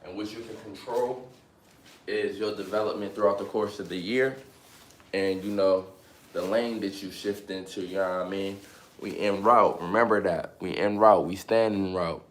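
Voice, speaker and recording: Giving motivational advice on a live stream, a man in his late twenties speaks casually, often repeating himself and using fillers like "you know what I'm saying." He has a deep, steady voice at normal speed, a bit bright in tone. The audio is poor and reverberant.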